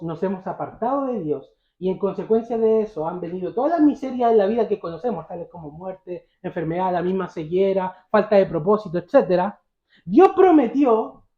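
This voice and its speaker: A man's voice: sits high, echoey room, lo-fi sound. A male pastor preaching a sermon, telling the story vividly and asking the congregation questions.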